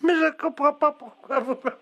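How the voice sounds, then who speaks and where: A man's voice: extremely high pitch, fairly even intonation, moderate pace, fairly bright tone, dry recording. A man playing a muddled, hard-of-hearing old woman with a hearing aid on a prank call, mishearing everything in a fussy, plaintive way. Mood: confused.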